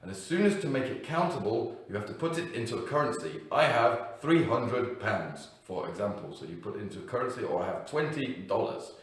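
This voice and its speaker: A man's voice: lowish voice, animated, a little fast, hardly any pauses. Echoey man teaching grammar. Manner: unscripted, with fillers and self-corrections, emphatic on example words. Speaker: English teacher. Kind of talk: explaining grammar to learners. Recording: echoey room, mic at a distance.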